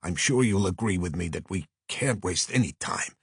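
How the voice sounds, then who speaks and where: In an audiobook, a man performs an earnest New York talent agent with a Brooklyn accent, playing him as effusive, flattering, and persuasive like a salesman. His exaggerated voice is deep, gravelly, and husky at a moderate pace. The studio-quality recording has no echo.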